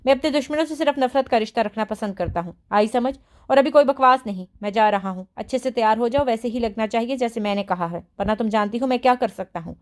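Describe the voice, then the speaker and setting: A woman reading a romance audiobook voices a rude, vengeful young man who threatens and mocks his captive in a low, cold tone. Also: natural voice. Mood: sneering. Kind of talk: audiobook character voice.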